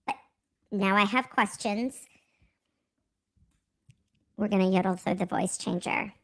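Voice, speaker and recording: A woman livestream host talking through a voice changer that pitches her voice up, giggly and playful. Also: takes it slowly, fairly bright tone. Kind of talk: casual livestream chat.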